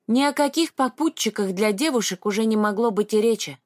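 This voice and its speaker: A woman narrating an audiobook in a calm, even storytelling manner. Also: on the high side, fairly quick, dry recording, studio quality.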